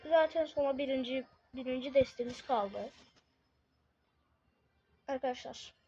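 A woman giving casual live commentary on her own game, excitable, swinging from muttering to shouting. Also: high voice, a little slow, muffled recording, slight background noise.

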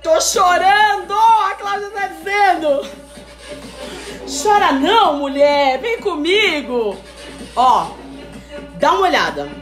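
A woman's voice: very high-pitched, takes it slowly, long pauses. A woman hosting a live stream sale, chatting and teasing as she reads out viewer comments. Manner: lively, chatty and teasing, calls viewers "mulher". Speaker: host selling wigs on a live stream. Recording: echoey room with faint music. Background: faint background music.

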